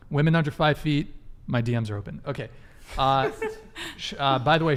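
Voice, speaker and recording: Male podcast host, casual and joking, mid-pitched, quick follow-up questions. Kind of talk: casual live-stream chat.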